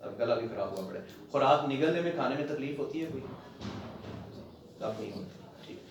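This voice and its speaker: A male doctor examining a patient at the bedside, gently coaxing and repeating his instructions and praising the patient. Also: mid-range voice, expressive, moderate pace, a little hiss or hum. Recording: very echoey ward, distant, crowd behind.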